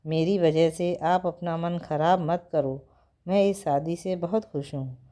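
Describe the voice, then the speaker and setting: A woman voicing a gentle young bride who complains softly, in a storybook tale. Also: fairly low pitch, fairly even intonation, measured pace, natural voice. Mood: wistful. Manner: soft, complaining. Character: gentle young bride, wistful about her hair.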